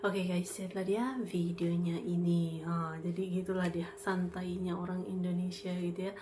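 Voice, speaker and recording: A woman with a Malaysian accent hosting a reaction channel, chatting casually to her viewers in a relaxed way. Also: on the low side, normal speed, heavy background noise.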